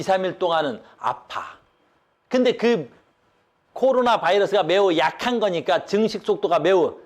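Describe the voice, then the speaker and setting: A middle-aged man teaching a biology class, lecturing and constantly quizzing his students with quick check-in questions. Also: sits high. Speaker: high school biology teacher.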